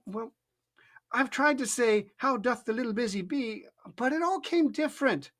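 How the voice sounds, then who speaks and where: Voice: mid-range voice, expressive, voice pushed up, lightly acted. A parent reading aloud, voicing a polite, anxious young girl in a raised voice that stumbles over words. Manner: raised, hurried, slightly stammering.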